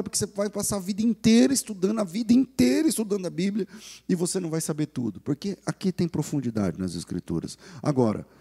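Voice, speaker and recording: A man with a Brazilian Portuguese accent preaching a sermon as pastor, animated and acting out the inner voices of lost people. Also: fairly high pitch, gravelly, slightly rough, big-room sound.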